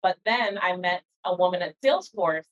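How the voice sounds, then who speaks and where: A woman's voice: lowish voice, expressive, normal speed. A woman answering interview questions as a guest in a conversational way, recorded with dull, lo-fi call audio. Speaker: interview guest, organization founder.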